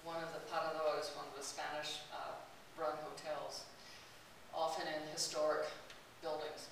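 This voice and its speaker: Recorded from afar with hiss and lots of room sound, a woman addresses an audience about her long walk, laughing frequently through her stories. She talks at a normal speed in a low-pitched, level voice.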